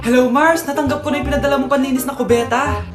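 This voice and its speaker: A woman's voice: high-pitched, fairly even intonation, fast. A woman performing comic skits, switching between a scolding mother and a whiny child. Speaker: comedy sketch creator. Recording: music playing behind the voice.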